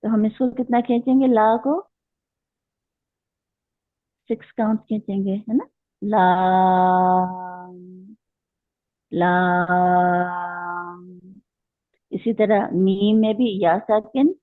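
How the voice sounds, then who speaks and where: Slow-paced woman teacher on a tinny line. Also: a little high, steady tone, dry recording. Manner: patient, explaining step by step with questions to students. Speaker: Quran recitation teacher. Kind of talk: online class lecture.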